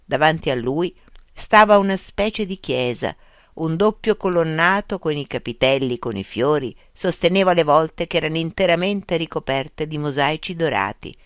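Lively storyteller reading a children's tale. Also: medium pitch, moderate pace, no room sound, studio quality. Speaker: narrator.

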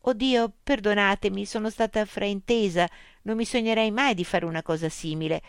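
A woman's voice: medium pitch, moderate pace, smooth, no echo, studio quality, pitched above the performer's own voice, lightly acted. A woman voicing a flustered adult woman writer who keeps apologizing. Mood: apologetic.

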